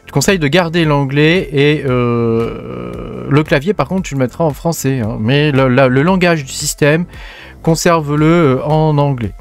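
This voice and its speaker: A man's voice: a little high, measured pace, vocal fry. Chatty French man explaining a tutorial. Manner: chatty, informal, many fillers and "hein". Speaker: tech tutorial host. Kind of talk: casual screen-recorded tutorial.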